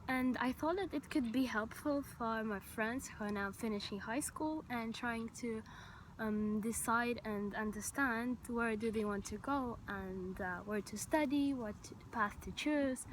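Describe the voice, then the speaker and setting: Chatty young woman, bright higher voice. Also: a little hiss or hum, low-quality recording. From Estonia. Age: young adult. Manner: chatty and enthusiastic, with many fillers. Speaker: vlogger. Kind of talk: casual chat to camera. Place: outdoors on grass, sitting on a stone.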